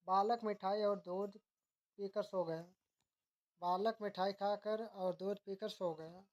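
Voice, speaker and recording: The sound is lo-fi as a woman with a mid-range voice teaches, reciting wrong and corrected grammar sentences in pairs at a steady, measured pace. Every so often she catches herself and corrects a word mid-word.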